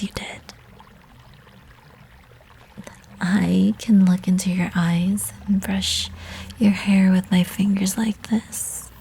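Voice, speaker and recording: Woman as a breathy, flirty succubus, whispered role-play. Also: medium pitch, exaggerated voice. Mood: teasing, tender. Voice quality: breathy, soft. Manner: teasing, intimate, coaxing.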